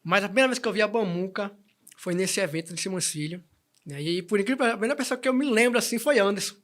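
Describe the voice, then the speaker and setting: A guest from Salvador, Bahia, Brazil, who is president of a band, talks casually in an interview, telling his story with lots of false starts. He has a high voice with a quick pace and a slightly bright quality.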